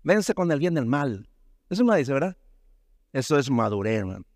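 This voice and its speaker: A male pastor preaching a sermon, often calling his listeners "brother" and asking them "right?", his pitch swinging sharply up and down. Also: sing-song, normal speed, darkish tone, no echo, clean studio sound. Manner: preaching with sudden rises and drops in pitch, many rhetorical tag questions.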